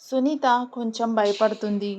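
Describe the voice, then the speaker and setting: Woman storyteller, higher voice. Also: normal speed, a little hiss or hum. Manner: plain steady reading. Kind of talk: audiobook story narration. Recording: dull lo-fi recording.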